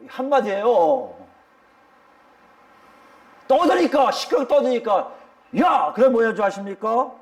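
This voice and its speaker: A man's voice: extremely high pitch, darkish tone. A male pastor preaching a sermon, speaking emphatically and addressing the congregation directly.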